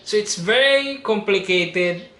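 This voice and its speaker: Speaking slowly in a high voice with a Filipino accent, this reality show applicant from the Philippines, in his twenties, pleads earnestly to camera. A roomy echo and constant background noise surround him.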